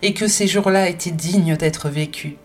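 A woman's voice: fairly low pitch, normal speed, soft background music, lightly acted. A woman voicing a fervent, proud French woman. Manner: emphatic, exclamatory. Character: spirited grown French woman, passionate and proud. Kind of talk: audiobook character reading.

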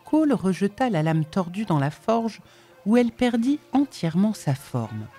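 A woman narrating an audiobook in an expressive, measured storytelling manner. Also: mid-range voice, soft background music.

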